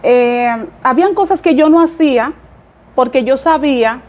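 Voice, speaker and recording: This is a high-pitched woman talking at normal speed: a pastor from the Dominican Republic interviewed on a podcast. In her Dominican Spanish accent she narrates her life humbly and chattily, with light laughs and fillers throughout.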